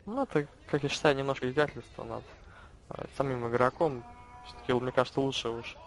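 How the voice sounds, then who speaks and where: Lisping man commentating, creaky voice. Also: mid-range voice, fairly even intonation, fast. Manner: lisp, slushy sh for s. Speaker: esports match commentator. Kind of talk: casual live game commentary.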